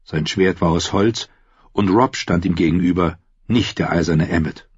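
A man narrating an audiobook in a steady, measured storytelling voice, recorded close on a slightly dull lo-fi recording. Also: low-pitched, slightly rough, no echo.

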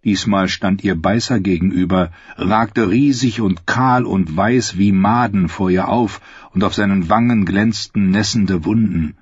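Low husky male audiobook narrator. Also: no echo, muffled recording. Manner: measured, dramatic reading.

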